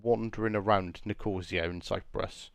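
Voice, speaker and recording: Lowish voiced bloke hosting a stream, teasing, sweary, fake grumpy, very dry mic sound. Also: male voice, steady tone, normal speed, clear, resonant tone, no echo. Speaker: livestream host. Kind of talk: casual banter.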